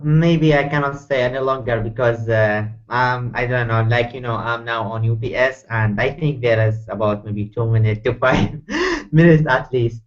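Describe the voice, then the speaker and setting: A man's voice: mid-range voice, lively intonation, normal speed. A man, a student, joining an online class and talking hesitantly. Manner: hesitant, apologetic. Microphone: computer mic on video call. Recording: dull video call audio.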